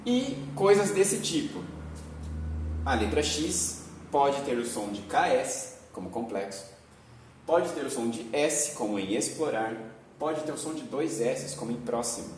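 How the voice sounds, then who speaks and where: A Portuguese teacher with a Brazilian accent gives a video lesson, explaining patiently and frequently tacking on tag questions. His mid-range voice is measured in pace, and it sounds distant in a very echoey room with faint noise.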